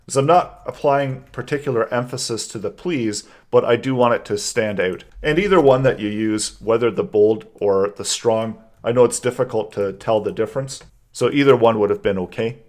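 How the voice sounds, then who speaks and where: A man teaching a web coding tutorial, calmly and methodically explaining each step as he types code. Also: lowish voice. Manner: calm, methodical explaining while typing code. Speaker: coding instructor. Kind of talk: screen-recorded coding tutorial.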